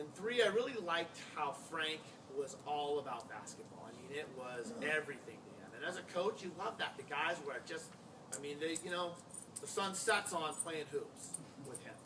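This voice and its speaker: American coach speaking, distant and noisy recording. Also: male voice, a little high, expressive, moderate pace. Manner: conversational, anecdotal, emphatic repetition. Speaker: high school basketball coach. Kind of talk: informal end-of-season tribute speech. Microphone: distant microphone. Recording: noisy, distant-miked live room recording.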